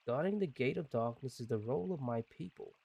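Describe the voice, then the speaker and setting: A man voicing a solemn gatekeeper of a sealed gate, reading in a slow, formal way while playing a game. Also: medium pitch, lively intonation, creaky, mellow, husky.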